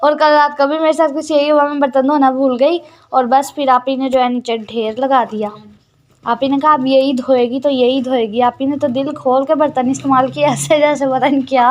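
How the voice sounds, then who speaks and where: A woman's voice: high-pitched, little pitch movement, a little fast, highs cut off. A teenage girl narrating a casual home vlog, chatty and complaining about her sisters. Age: teens. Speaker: vlogger.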